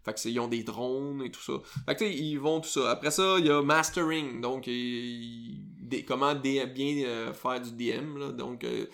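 A man with a Quebec French accent hosts a casual podcast chat, wandering through his explanations with frequent fillers and restarts. His voice has a gravelly, creaky edge. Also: medium pitch, moderate pace, few pauses, a bit bright. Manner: rambling, lots of fillers and self-corrections. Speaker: podcast host.

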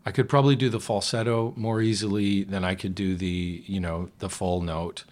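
A man talks casually as a guest, reflective and meandering, often breaking off and restarting his sentences. His voice sits very low and deep. He sounds like a musical theatre actor talking shop. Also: fairly even intonation, moderate pace, darkish tone. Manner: reflective, rambling, with frequent restarts. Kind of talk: casual conversation.

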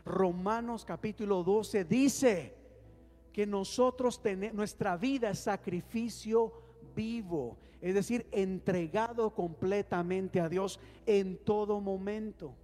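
High-voiced preaching man in a reverberant church. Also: takes it slowly, dark tone. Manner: preaching with calls for response and prayer. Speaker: pastor. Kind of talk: sermon to a congregation. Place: church hall. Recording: long hall reverb with faint music.

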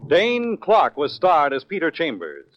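Old time radio announcer guy, american, kinda high voice, polished credits read, dull recording w music. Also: wildly swooping pitch, a little slow. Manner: formal, polished announcer delivery.

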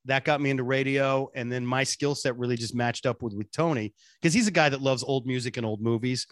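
A man's voice: mid-range voice, steady tone, brisk, dry recording, clean studio sound. A man from Boston, a radio producer and sidekick, telling his story in an earnest, chatty interview with self-deprecating asides. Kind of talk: casual interview chat.

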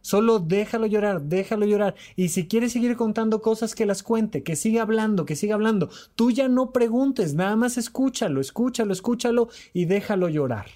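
A man, a therapist hosting a podcast on emotional health, who talks in an animated way and hammers his points home by repeating them. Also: high-pitched, moderate pace, few pauses. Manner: animated, repetitive, acts out quoted dialogue.

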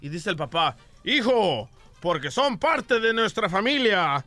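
Radio co-host, bright voice, lively pitch, telling a joke. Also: unhurried, dry recording, soft background music. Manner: eggs on the host, tells jokes.

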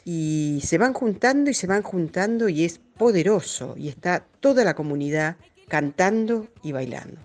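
A woman's voice: fairly low pitch, lively intonation, normal speed, darkish tone. A woman, a musician and music educator answering interview questions in an earnest, explaining way.

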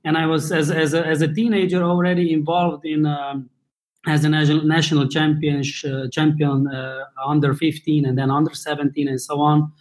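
A man's voice: a little high, flat delivery, moderate pace, low-quality recording. A man from Slovenia in his thirties talks as an interview guest in a slightly raised voice. He hesitates often, restarting phrases and filling gaps while he hunts for his words. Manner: searching for words, many fillers and restarts, non-native English. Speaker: guest, former table tennis player and coach. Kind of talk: casual interview talk.

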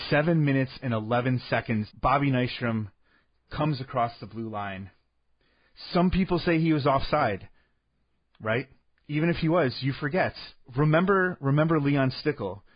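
A man tells an outlandish sports yarn with a straight face, often tripping over and restarting his sentences. His voice sits at an ordinary middle pitch. The recording is dry and slightly dull, with no room sound. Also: moderate pace, no echo. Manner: deadpan tall tales with rambling restarts. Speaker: comedic storyteller. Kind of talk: comic sports storytelling.

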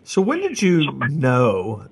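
A man's voice: on the high side, huge pitch swings, slow pace, breathy edge. A man hosting a podcast interview, chatting casually, laughing often and stumbling over his words. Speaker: podcast host.

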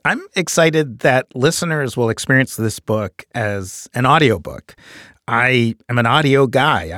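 A man's voice: medium pitch, a bit bright, dry recording. A middle-aged man with a New York accent, an author talking thoughtfully and earnestly about his book in a studio audio booth, close to a studio microphone. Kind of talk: reflective interview monologue.

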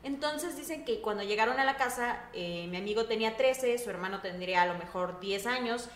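A young woman with a Mexican accent hosting a casual podcast, reacting loudly and laughing easily. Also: on the high side, fairly quick, a little hiss or hum. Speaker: podcast host. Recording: echoey room.

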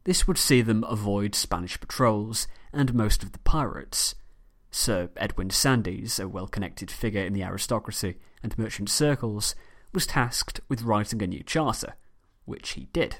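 A British man hosting a history podcast, reading a scripted narration in a measured way with chatty personal asides. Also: on the low side, fairly bright tone. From United Kingdom.

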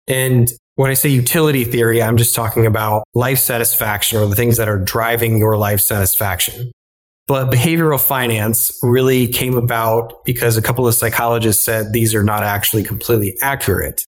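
A man's voice: mid-range voice, fairly even intonation, a little fast. A man from Illinois, a finance professor, answering interview questions and explaining ideas with simple examples. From Illinois, United States.

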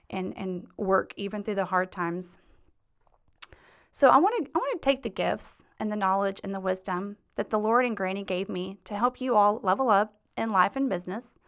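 A woman's voice: mid-range voice, fairly bright tone. A woman hosting a podcast as a life coach, sharing heartfelt, faith-filled memories in a casual monologue.

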